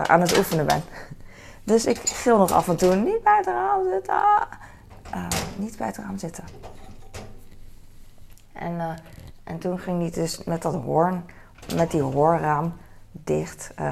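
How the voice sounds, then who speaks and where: A woman's voice: deep voice, darkish tone. A woman, chatting in a rambling way with many fillers and self-corrections while handling objects. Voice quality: very gravelly, creaky voice. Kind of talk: soft-spoken casual chat while handling objects. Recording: noisy room with clattering dishes.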